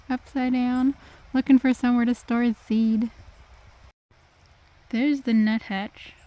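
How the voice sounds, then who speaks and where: A woman vlogging casually outdoors in the woods, coaxing wild birds and talking to them. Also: fairly high pitch. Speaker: nature vlogger. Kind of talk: casual outdoor vlog narration.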